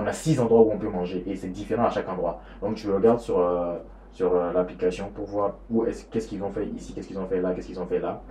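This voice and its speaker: A man's voice: sits low, mellow, a little hiss or hum. A young man from Niger talking casually in a vlog, rambling and repeating himself with many fillers. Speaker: student vlogger. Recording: roomy echo, faint ambience.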